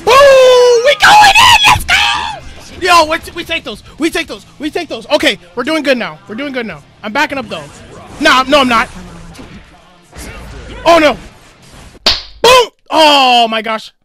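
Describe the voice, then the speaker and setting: A young man commentating his own fighting-game matches, panicking, cheering and talking himself calm. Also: very high voice, moderate pace, faint music behind. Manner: excitable, shouts and panics during fights; talks himself calm with repeated okays. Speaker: gaming streamer. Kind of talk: live gameplay commentary.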